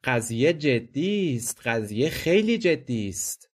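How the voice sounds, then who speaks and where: A man's voice: medium pitch, very animated. A man voicing a flippant, defiant male student in a dramatized play reading. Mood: mocking. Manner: mocking, flippant.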